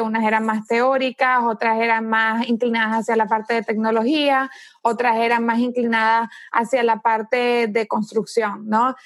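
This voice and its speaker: A Venezuelan woman in her thirties, a tech startup founder, tells her story as an interview guest with a Venezuelan Spanish accent and a voice on the high side. She is a thoughtful storyteller who often pauses with "eh" and adds "¿no?" tags, in conversational answers recorded with no echo.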